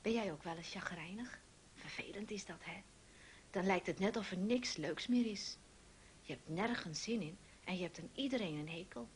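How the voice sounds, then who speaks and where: A woman narrating a story for children, gently asking the young listener questions. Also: mid-range voice, normal speed, a little hiss or hum.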